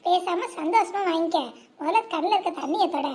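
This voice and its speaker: A performer voicing a generous, bossy village elder sister who scolds and cares in the same breath. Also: female voice, very high voice, a little fast, a little mellow. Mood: affectionate. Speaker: lead sister running a home business.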